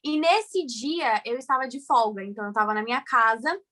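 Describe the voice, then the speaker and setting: Young woman, Brazilian Portuguese accent, high voice, cheerful lively chat. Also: moderate pace. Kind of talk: casual chat.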